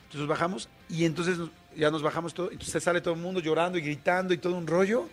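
A man with a Mexican Spanish accent tells a story as a radio guest, animated and colloquial, full of fillers. His voice sits a bit high for a man, with soft music faintly behind him. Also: quick pace.

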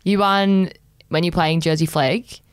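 A woman's voice: on the low side, steady tone, measured pace, smooth, no echo, clean studio sound. A woman hosting a sports podcast, asking upbeat, encouraging questions in casual chat. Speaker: podcast host.

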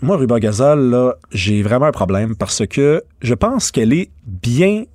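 A man's voice: mid-range voice, lively intonation, a little slow, mellow, no room sound, studio quality. A man with a Québécois accent giving opinionated political commentary on a talk show, with many stammered restarts. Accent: Québécois French. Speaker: radio show host.

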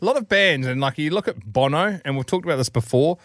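A man's voice: a little high, animated, fast talker, a bit bright. A man hosting a radio show with casual, laid-back, slangy banter.

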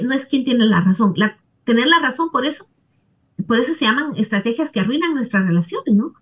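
A woman's voice: a little high, far from the mic. A woman therapist, a podcast guest, explaining relationship habits through stories, often asking "right?". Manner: storytelling, warm tag questions. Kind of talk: conversational explaining with anecdotes.

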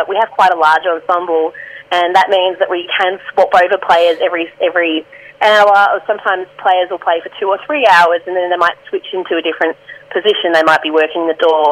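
A woman's voice: lowish voice, fairly even intonation, fast talker, a bit bright, low-quality recording. A woman, an improv performer, chatting in a friendly way as an interview guest and laughing easily. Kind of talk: casual interview chat.

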